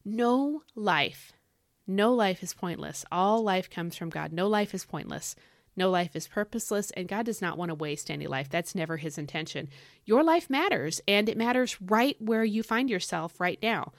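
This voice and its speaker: A woman's voice: mid-range voice, expressive, moderate pace, no echo, studio quality. A woman giving an informal devotional talk, exhorting listeners in an emphatic, conversational way and repeating key phrases.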